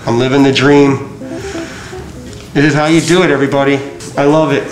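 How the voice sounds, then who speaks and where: A man's voice: mid-range voice, fairly even intonation, brisk, over music. A man in his thirties, a TV host, chatting casually and boastfully on camera in a large barber shop. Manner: boastful, playful showman. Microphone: far camera mic. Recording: echoey room, far from mic.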